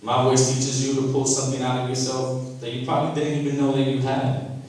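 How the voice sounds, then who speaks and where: A man's voice: medium pitch, monotone, a little mellow. Emotional man speaking in an echoey hall. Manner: emotional, halting, many fillers. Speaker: founding member giving a reunion speech. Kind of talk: informal speech to an audience. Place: indoor event hall. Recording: echoey hall from far off, faint noise.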